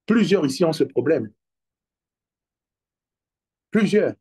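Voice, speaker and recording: A man with a high voice preaching a lively sermon. He acts out short exchanges with his flock and breaks into sudden loud cries. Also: slow, breathy edge. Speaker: pastor.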